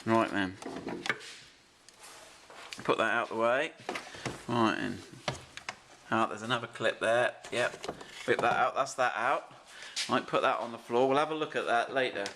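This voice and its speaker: A man's voice: mid-range voice, measured pace, pauses often, noisy background. A man casually explaining a car fitting job step by step while directing helpers beside an open engine bay. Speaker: presenter of a car fitting video. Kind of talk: casual hands-on how-to explanation.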